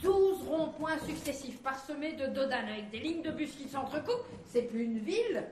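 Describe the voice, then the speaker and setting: Sardonic wife, high voice, off-mic, echoey theatre, audience murmur. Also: female voice, sing-song, a little mellow, slight background noise. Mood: breezy. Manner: quick, sardonic banter. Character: breezy, witty married woman. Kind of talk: stage comedy acting. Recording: distant stage voice in echoey theatre.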